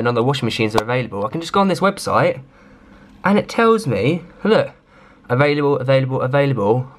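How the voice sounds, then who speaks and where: A young man with a British accent, chatting casually to a camera as a vlogger. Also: mid-range voice. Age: young adult. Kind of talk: casual vlog chat. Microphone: handheld camera at arm's length.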